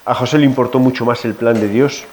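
A man's voice: mid-range voice, fairly even intonation, fast talker, darkish tone, poor audio. A middle-aged man giving an informal sermon, telling personal stories and asking his listeners questions, with frequent restarts. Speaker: preacher.

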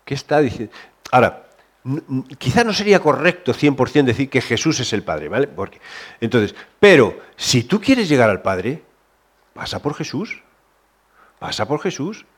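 A man from delivers a sermon in a conversational way, never quite reading a script. He stumbles and restarts often. His voice sits at an average pitch, drops to near-whispers on tender points, and climbs when he presses a question. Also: sing-song, moderate pace, husky. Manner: conversational, many restarts, shifts between soft and raised. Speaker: preacher.

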